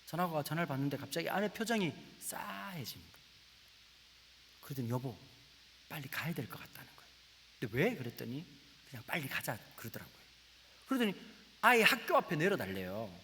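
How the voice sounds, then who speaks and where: Man, 40s, pastor preaching, animated storytelling, gravelly voice, long church reverb. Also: fairly high pitch, brisk, long pauses. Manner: animated, acts out family dialogue, drops to whispers. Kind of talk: sermon with storytelling. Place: church sanctuary. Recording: echoey church hall with faint hiss.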